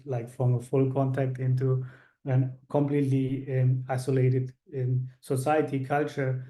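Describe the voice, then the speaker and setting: A man's voice: medium pitch, dark tone, echoey room. A man from Sri Lanka, a course participant, sharing his thoughts on a video call in a rambling way, with many fillers.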